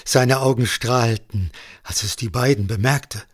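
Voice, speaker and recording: A man reading a story aloud in a calm, measured narration. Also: medium pitch, breathy edge, no room sound, studio quality.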